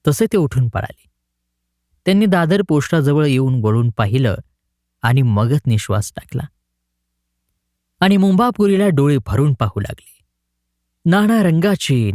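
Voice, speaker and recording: A man narrating a short story in an expressive storytelling manner. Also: mid-range voice, no room sound, clean studio sound.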